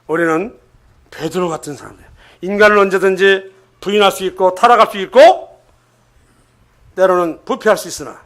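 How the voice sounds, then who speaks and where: An older male preacher with a notably high voice delivers a church sermon. He keeps putting rhetorical questions to the congregation, pressing emphatic points loudly and then dropping into hushed asides. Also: fairly quick, long pauses. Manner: swings between emphatic loud lines and hushed asides.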